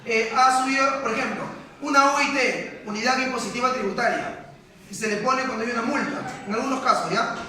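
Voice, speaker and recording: A man's voice: extremely high pitch, brisk, crowd noise. A male teacher, giving a classroom lecture and questioning his students, repeating points for emphasis. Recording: echoey classroom from far off, students audible.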